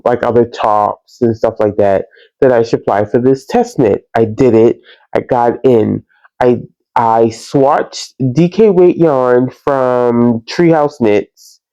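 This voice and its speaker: A man chatting casually like a crafting vlogger, congested with a cold, sniffing and breathing through his mouth, in a halting, stop-and-start way. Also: medium pitch, dark tone, clean tone, no room sound. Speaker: podcast host. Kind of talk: casual crafting vlog chat. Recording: slightly dull, lo-fi sound.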